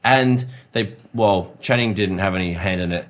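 A man's voice: low voice, normal speed. A man co-hosting a podcast, chatting in slangy, sweary, laddish banter. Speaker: podcast co-host. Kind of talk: casual banter chat.

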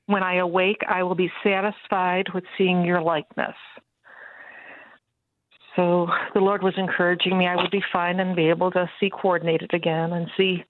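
A woman calling a radio show, softly reading verses aloud and explaining them. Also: fairly low pitch, flat delivery, moderate pace, no echo. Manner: soft, reading scripture aloud. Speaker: caller. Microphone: telephone. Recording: tinny phone line, dry.

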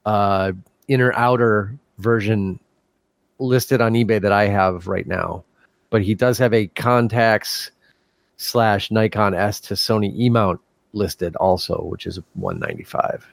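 A man's voice: on the low side, expressive, unhurried, vocal fry, no room sound. Male podcast host, casual storyteller, laughs a lot, dry close mic. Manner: chatty storyteller, laughs often, many fillers. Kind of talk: casual chat.

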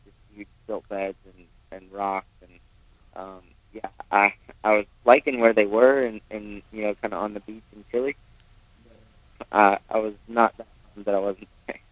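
A young man speaks over a speakerphone line that fades and drops out, his voice low and even with very little rise and fall. He talks in a relaxed, rambling way, full of fillers, and his sound is dry with no room echo. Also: normal speed, pauses often. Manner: laid-back, many fillers like "um" and "like". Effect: phone call on speakerphone, cutting out and fading. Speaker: motocross racer, guest on a radio show. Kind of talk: casual interview chat. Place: lying in bed. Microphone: phone on speakerphone.

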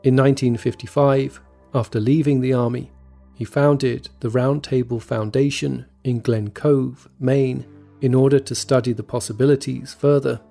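A man narrating a scripted true story in a measured, even storytelling manner. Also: medium pitch, vocal fry. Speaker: podcast narrator. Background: faint background music.

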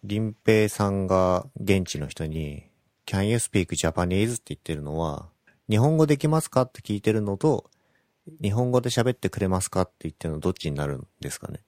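A man's voice: deep voice, animated, normal speed, a little mellow. A man in casual talk who asks curious questions. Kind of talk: casual chat.

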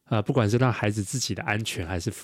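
A man's voice: on the low side, fast, dry recording, studio quality. A man hosting a casual conversation, giving many short replies as he listens. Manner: frequent short backchannel replies. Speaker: podcast host.

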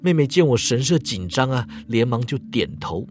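A man telling a bedtime ghost story in a hushed, suspenseful way. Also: mid-range voice, very animated, normal speed. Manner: hushed and suspenseful, trailing particles. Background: music.

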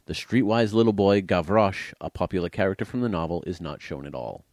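Low-voiced man reading film trivia. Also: animated, a little fast, darkish tone, no echo. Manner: dry, teasing, reads trivia aloud. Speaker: podcast co-host. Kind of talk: casual chat about old movies.

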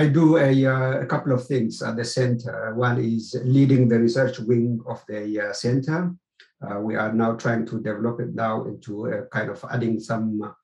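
A middle-aged man from Ethiopia speaks in a mid-range voice, answering an interview as a theology researcher. He talks in a measured, halting way, pausing to find his words. The recording carries a roomy echo. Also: medium pitch, darkish tone.

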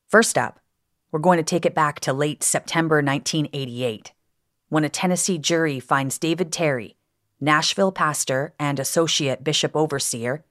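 A woman's voice: low voice, no echo, clean studio sound. A woman hosting and narrating a true crime podcast in a scripted style.

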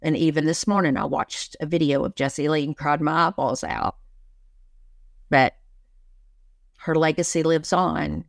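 A middle-aged woman, a business coach interviewed as a guest, speaks in a low, fairly even, unhurried voice with vocal fry and frequent pauses. Her motivational talk is earnest and emphatic, often repeating key phrases, and the studio sound is clean with no room sound.

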